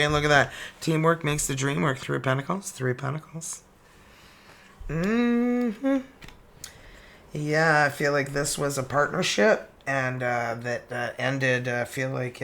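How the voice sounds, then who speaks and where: Her voice is mid-range and fairly bright. She's a native French speaker and tarot reader from northern Ontario, Canada, whose Franco-Ontarian French-Canadian accent colours her casual card-reading chat, sprinkled with laughing, cheeky asides.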